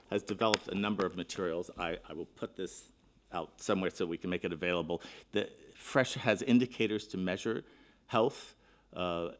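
A middle-aged man delivers a conference keynote from a panel table, his voice sitting a little low. He talks earnestly and with emphasis, restarting phrases as he thinks aloud into a table microphone. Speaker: keynote speaker.

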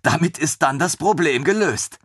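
A man doing a gushing, excitable young lieutenant. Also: a little high, normal speed, slightly rough, no echo, studio quality, voice pushed up. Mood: eager. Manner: excitable, pompous and naive. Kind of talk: audiobook character voice.

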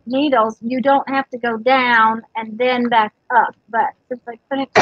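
Brief: chatty woman teaching a craft, husky, dry close sound. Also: fairly high pitch, slow pace, fairly bright tone, no room sound, highs cut off. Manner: chatty, rambling with fillers. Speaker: craft instructor. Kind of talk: casual craft demonstration.

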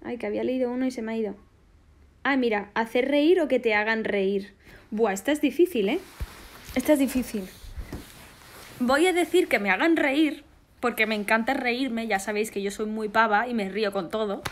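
A woman's voice: a little high, normal speed. A woman, bubbly and affectionate, casually answering fan questions on a phone live stream. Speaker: singer doing a live stream.

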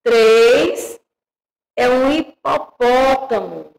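A Brazilian woman teaching young children, spelling out syllables slowly and checking in with the class. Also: fairly high pitch, lively intonation, creaky, darkish tone, rough recording. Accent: Brazilian Portuguese. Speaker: primary school teacher.

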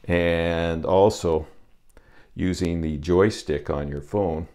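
Low-voiced older man, casual vlogger. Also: slow pace, dark tone. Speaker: vlogger testing camera gear. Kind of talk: casual chatty vlog. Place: indoor room in front of a backdrop. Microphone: lapel mic.

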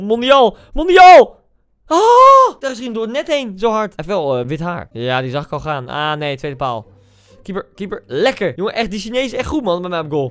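A man from the Netherlands, a gaming YouTuber, giving casual commentary on his own match, chatty and self-mocking, bursting into loud shouts at big moments. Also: high voice. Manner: excitable, bursts into loud shouts at goals and misses; chatty and self-mocking, addressing viewers directly.

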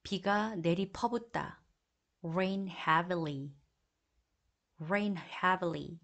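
A woman reading an English vocabulary drill as a teacher, saying each phrase twice in a slow, deliberate way. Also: lowish voice, a bit bright.

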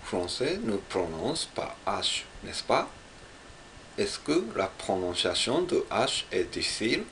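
This low-ish, fairly bright voice has a sing-song lilt and a slow pace, over slight background noise. The speaker is a Japanese man with a Japanese accent, learning French by carefully drilling each syllable and then repeating it in Japanese as a practice monologue.

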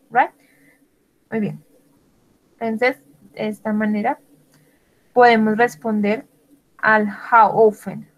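Slow, deliberate woman teaching English. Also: fairly high pitch, muffled recording. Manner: slow, deliberate, spells letters one by one. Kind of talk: bilingual language lesson, spelling words aloud.

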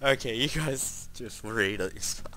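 Man, gameplay commentator, slow easygoing delivery, giggly and rambling, loud outbursts, faint game music behind. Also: mid-range voice.

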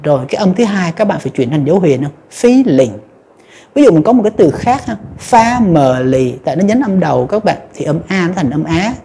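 A woman's voice: lowish voice, expressive, fast talker, few pauses, dark tone, breathy edge. A woman teaching an English lesson in a chatty, casual way with a Vietnamese accent, talking straight to her viewers. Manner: chatty, many fillers, addresses viewers directly.

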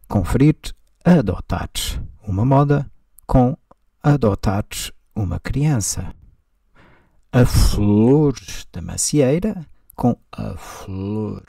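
A man with a low, gravelly voice leads a reading group and reads a text aloud at a measured pace. He breaks off now and then for quick, delighted asides. His tone is mellow and the sound is close and dry. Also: no room sound. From Brazil.

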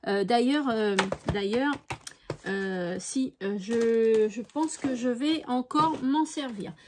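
A woman with a rather high voice talks casually to her viewers about her craft purchases. She chats along in a homely way, often pausing on little fillers as she goes. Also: background noise. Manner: chatty, with frequent hesitations and "voilà". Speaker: craft vlogger. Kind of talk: casual haul show-and-tell.

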